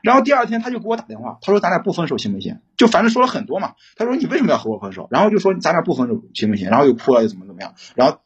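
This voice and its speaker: A young man calling in for relationship advice, telling his story in a rambling, halting way with many restarts. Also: a little high, very animated, husky. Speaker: caller seeking relationship advice. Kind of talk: casual phone-in storytelling.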